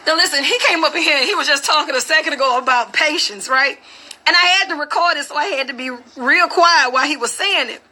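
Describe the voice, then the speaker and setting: A woman hosting a casual live-stream chat, playful and quick to laugh, greeting her viewers by name. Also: sits high, bright, forceful tone. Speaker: host.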